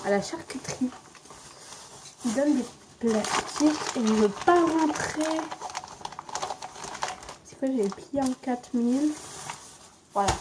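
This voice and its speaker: A young woman talks her viewers through a simple home recipe, unhurried and playful, often joking with herself. Her voice sits a little high and her delivery is slow. The camera mic picks up faint noise from the kitchen. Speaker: cooking vlogger. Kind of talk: casual home cooking demo. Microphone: camera mic propped on a stand.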